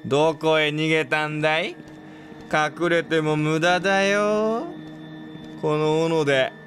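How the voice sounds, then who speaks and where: A man voicing a taunting male killer with an axe, calling out slow, drawn-out mocking threats to someone hiding. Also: on the high side, fairly even intonation, fairly bright tone, soft background music.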